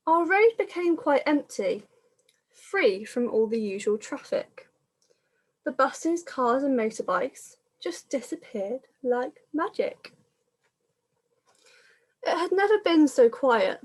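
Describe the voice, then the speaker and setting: Reading a picture book aloud to young children, a primary school teacher speaks in a measured, explanatory way. Her voice is high.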